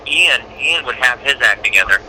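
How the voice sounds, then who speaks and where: A man's voice: medium pitch, animated, moderate pace. A man calling in to a live show, heard over a speakerphone, hesitant with fillers, then giving blunt opinions. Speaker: caller. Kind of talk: casual phone call-in chat. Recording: noisy speakerphone line.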